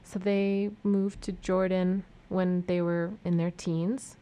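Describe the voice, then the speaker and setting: An American woman with a slightly low voice hosts a radio interview. She speaks in a friendly way, framing questions and summing things up for the audience. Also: little pitch movement, takes it slowly, mellow, smooth. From United States. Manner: friendly, asks questions and sums up. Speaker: radio show host.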